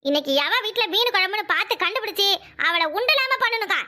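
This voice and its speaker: A fiery village housewife for a cartoon, with a Kanyakumari Tamil accent, complaining and accusing in a very high, bright voice. She fires off her grievances at a rapid pace. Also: lively intonation, heavily acted. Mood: indignant. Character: fiery robbed housewife, loud and indignant. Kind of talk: cartoon voice acting.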